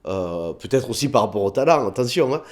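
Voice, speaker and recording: Fairly quick and mid-range, a man with a southern French accent recounts anecdotes during a casual interview. As a comedian, he performs bits of dialogue in put-on voices, his storytelling animated and full of fillers.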